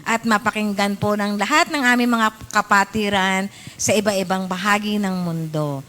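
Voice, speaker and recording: A woman's voice: medium pitch, normal speed, bright, forceful tone, a little hiss or hum. A middle-aged woman leading a spoken prayer, earnest and devout. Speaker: prayer leader.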